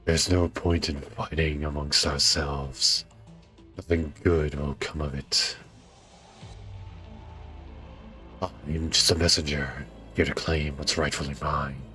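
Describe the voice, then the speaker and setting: A man voicing an ancient, solemn male wolf lord who speaks slowly and quietly in a low, grave tone. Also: level tone, heavily acted. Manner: slow, low, grave and hushed. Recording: faint music behind.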